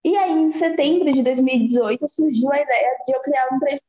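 A woman's voice: sits high, a little fast, warm tone, reverberant, dull audio. A woman in her twenties from Bahia with a Bahian accent, chatting casually and laughing easily as a podcast guest. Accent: Bahian Portuguese. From Bahia, Brazil. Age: 20s. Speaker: guest, activist. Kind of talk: casual interview talk.

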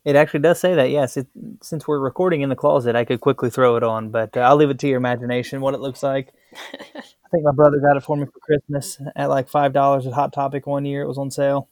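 A man chats casually on a podcast, his voice close and completely dry because he is recording inside a closet. His delivery is relaxed and steady, with an even, flat pitch and frequent pauses to gather his thoughts. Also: dry recording. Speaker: podcast co-host. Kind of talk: casual chat.

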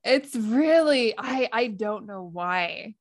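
Slow and expressive, with a slightly high voice, an American woman whose first language is English co-hosts a laid-back podcast. She often laughs and thinks out loud as she talks.

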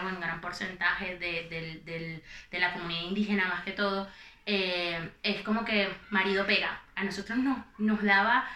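Bright-voiced Venezuelan woman, echoey room. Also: medium pitch. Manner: animated, laughs often. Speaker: guest. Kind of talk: casual podcast chat.

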